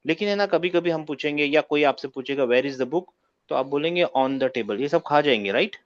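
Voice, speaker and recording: A man's voice: a little high, animated, moderate pace. A man teaching an online grammar class, often asking his students to confirm they follow. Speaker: Arabic teacher. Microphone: video call. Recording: muffled lo-fi call audio.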